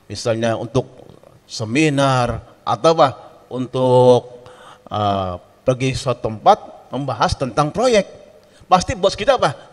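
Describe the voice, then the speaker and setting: Lively preacher in a reverberant hall. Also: male voice, mid-range voice. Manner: animated storytelling, acted quotes, laughing asides. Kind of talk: sermon. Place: prayer room.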